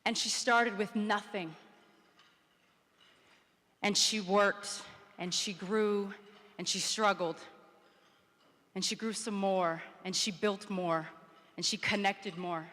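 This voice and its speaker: A woman in her thirties gives a motivational speech in an indoor conference hall, telling a personal story and acting out quotes with rising energy. Her voice is medium-pitched and a bit bright, fairly even in intonation, slow, and full of pauses, and the hall is reverberant.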